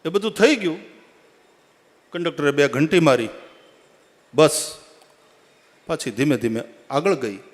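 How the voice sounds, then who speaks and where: A man's voice: a little high, measured pace, pauses often. Man telling a parable in a reverberant hall. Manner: storytelling, rising to loud emphatic appeals. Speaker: speaker at a religious gathering. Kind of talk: devotional address with a parable.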